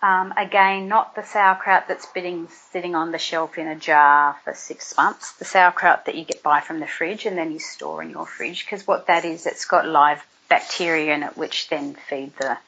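Husky woman explaining gut health plainly. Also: sits low, steady tone, normal speed, few pauses, sharp tone. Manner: chatty, practical, explains with everyday examples. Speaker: nutrition guest expert. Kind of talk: casual explanatory chat. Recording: dull lo-fi audio.

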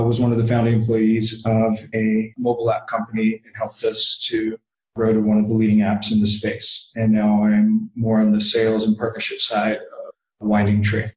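A man's voice: mid-range voice, a little mellow. A man giving conversational answers as an interview guest. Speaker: interview guest, startup sales and partnerships lead. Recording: roomy, echoey sound.

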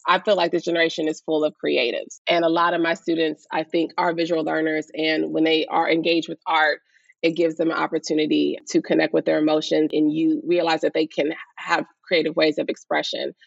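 A woman's voice: low voice, little pitch movement, brisk, vocal fry, no echo, dull audio. A woman teacher, giving thoughtful, earnest and passionate interview answers. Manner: earnest, passionate about students. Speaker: high school or college teacher.

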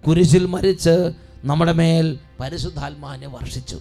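A preacher man with a high, gravelly voice delivers a fervent sermon. He repeats his phrases for emphasis and stretches important words out slowly, with soft music playing faintly behind him. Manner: calls the congregation to shout responses.

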